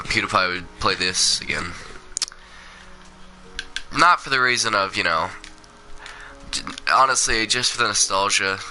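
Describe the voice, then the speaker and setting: A man's voice: deep voice, sharp tone. A sick man streaming a game, rambling casually, swearing and talking back to the game. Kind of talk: casual gameplay commentary.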